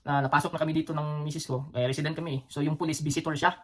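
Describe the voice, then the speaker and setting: Flat in delivery yet very fast, this fairly high, slightly bright male voice belongs to a vlog host from the Philippines with a Cebuano accent. The former soldier, an adult with kids, tells stories casually, rambling with lots of fillers and restarts and little chuckles in between.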